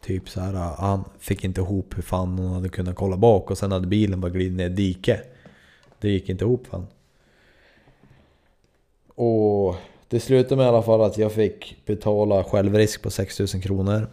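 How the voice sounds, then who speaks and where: Swedish guy in his 20s rambling through a story, swears a lot, low warm voice. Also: little pitch movement. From Sweden. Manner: loose and rambling, heavy on fillers and swearing. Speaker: podcast host. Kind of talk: casual storytelling.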